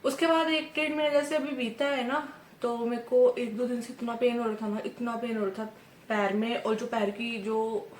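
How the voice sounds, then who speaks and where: A woman's voice: on the high side, fairly even intonation, moderate pace, a little hiss or hum. Chatty young woman vlogger, echoey room. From India. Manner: chatty, often adds "ठीक है" and acts out dialogue. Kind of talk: casual storytelling to camera.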